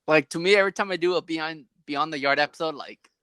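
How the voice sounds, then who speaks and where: A man's voice: fairly high pitch, fast, bright, forceful tone, clean tone, no room sound. A young man hosting a podcast over a video call, chatting casually and rambling animatedly with lots of "like" fillers. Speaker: podcast host. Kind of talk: casual chat.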